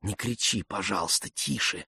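A man voicing a weary, sluggish nobleman who speaks quietly, pleading and sighing. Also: medium pitch, very animated, measured pace, vocal fry, husky, dry recording, studio quality, heavily acted. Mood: hushed. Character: weary, sluggish male nobleman, hushed and sad.

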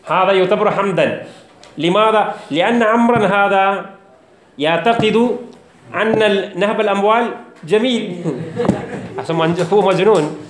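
A man's voice: sits high, moderate pace, pauses often, roomy sound. Sheikh quizzing his class. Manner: repeats key phrases and quizzes students, jokes. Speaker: teacher of Islamic theology. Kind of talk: classroom text lecture.

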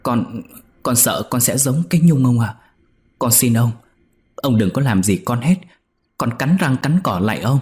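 A man's voice: medium pitch, animated, unhurried, pauses often, a little mellow, pitched above the performer's own voice, lightly acted. A man voicing a frightened young servant girl who begs and pleads in tears. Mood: pleading. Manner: pleading, tearful begging.

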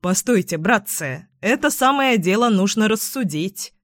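A cheerful chimney sweep, read by a woman, talks calmly and kindly, trying to settle a quarrel. His lines come slowly and evenly. The sound is dry and close. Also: medium pitch, no echo, lightly acted. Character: friendly cheerful adult male chimney sweep.

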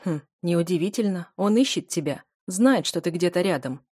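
A woman voicing a steady, self-assured man who runs orphanages, speaking calmly and matter-of-factly. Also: fairly low pitch, normal speed, slightly rough, dry recording, studio quality.

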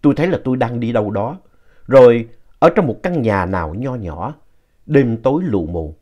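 A man telling ghost stories in an expressive, playful narration, reading out a listener's letter. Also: medium pitch, normal speed. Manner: animated, playful reading with lively shifts in tone.

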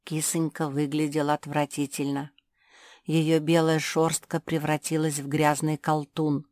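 A woman narrating a children's storybook in a measured, expressive way. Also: sits low, dry recording. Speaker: audiobook narrator.

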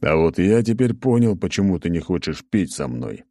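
A man doing a gruff Spartan warrior. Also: low voice, sing-song, normal speed, mellow, no room sound, clean studio sound, full character voice. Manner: gruff, stern.

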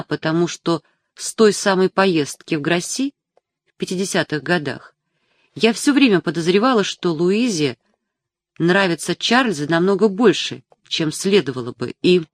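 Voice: medium pitch, expressive, normal speed, dry recording, studio quality, natural voice. A reader voicing a grown daughter, anxious and tearful, pleading earnestly with her father in an audiobook. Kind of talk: audiobook character reading.

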